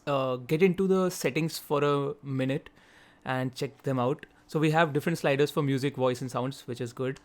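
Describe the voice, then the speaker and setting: Clicking through the settings, a male gaming host thinks out loud in brisk, talkative commentary. His voice sits at a medium pitch, and he speaks fast.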